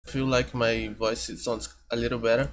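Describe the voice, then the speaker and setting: This male vtuber, a native Portuguese speaker, keeps a level tone in his mid-range voice during a casual reaction stream from a room with a humming air conditioner. He muses aloud, halting and restarting frequently as he corrects himself.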